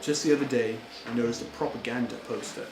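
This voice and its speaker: Speaking quickly with a steady, medium-pitched voice near his everyday one, this man pleads for fairness in character as an earnest, indignant immigrant born in Germany. The amateur monologue has music in the background and was captured in an echoey, noisy room.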